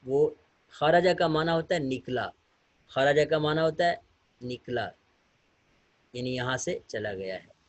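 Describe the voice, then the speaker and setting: On a dry, lo-fi recording, a man with a slightly high voice speaks at a measured pace with long pauses. He's a teacher in a recorded online Arabic lecture, reading short sentences aloud and then patiently translating and explaining each one step by step to his students.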